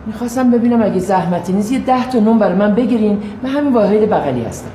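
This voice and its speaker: A woman's voice: medium pitch, expressive, dark tone, slight background noise, lightly acted. An actress playing a pushy, overfamiliar woman next door in a sitcom, insistent and chatty. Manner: insistent, overfamiliar, keeps calling her by the wrong name. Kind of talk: sitcom acting. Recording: roomy echo.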